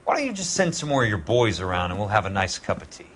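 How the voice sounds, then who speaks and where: An actor playing a blunt, sardonic American war-veteran investigator in a hard-boiled crime game. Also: male voice, on the low side, very animated, quick pace, a bit bright, a little hiss or hum.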